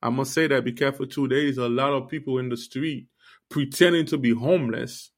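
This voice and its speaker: A man from Haiti runs his own faith podcast and preaches earnestly to listeners in a casual monologue, sprinkled with "you know" and "like." His ordinary middle-pitched voice moves briskly with fairly even intonation.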